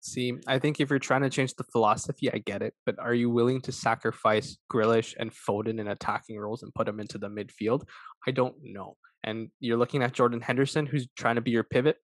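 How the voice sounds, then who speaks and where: A man hosting a casual football discussion, his voice at an ordinary middle pitch. He states blunt, opinionated takes. The sound is dry and close. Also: flat delivery, a little fast, no echo. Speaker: podcast host. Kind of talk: casual sports chat.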